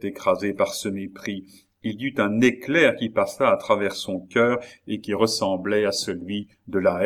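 A man narrating an audiobook of a classic novel in a measured, literary manner. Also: on the low side.

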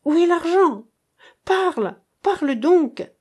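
Frantic mother, poor and desperate, put on by a woman reader; high, loud, accusing, for a storybook reading. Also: slow pace. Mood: furious. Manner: shouting, accusing.

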